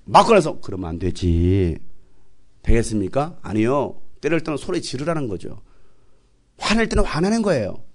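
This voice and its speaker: High-voiced Korean pastor preaching fervently. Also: male voice, very animated, a little fast. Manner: preaching with sudden shouts and hushed asides, acting out quoted voices. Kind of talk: sermon.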